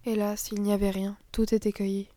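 A woman narrating a children's tale in a calm, even storytelling manner. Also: medium pitch, brisk, no room sound. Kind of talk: audiobook reading of a children's tale.

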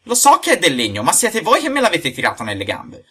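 Geppetto, a man putting on a shrill old woodcarver. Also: sing-song, slightly rough, heavily acted. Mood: furious. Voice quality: shrill, shouting. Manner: high squeaky outbursts, quick to anger. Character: hot-tempered old male woodcarver.

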